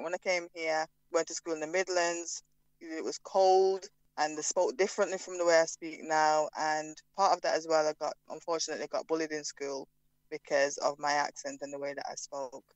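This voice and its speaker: A woman's voice: sits low, clean tone, dry recording, poor audio. A woman from Jamaica with a Jamaican accent, chatting as a podcast guest with plenty of fillers. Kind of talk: casual interview.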